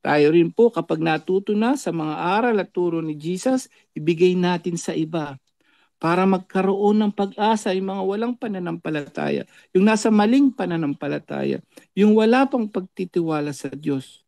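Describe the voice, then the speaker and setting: A man preaches an earnest reflection, his voice set high and carrying a gravelly edge. He tags his phrases with a questioning "no?" and slips into English. The sound is close and dry. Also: moderate pace, a little mellow, no room sound. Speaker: lay preacher on a religious show.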